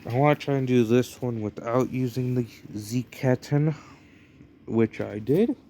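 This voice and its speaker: This American gameplay commentator, a young man, chats loosely about the mobile game in front of him, halting often and leaning on fillers. His mid-range voice is dark-toned and a touch slow, with a faint hiss or hum on the recording.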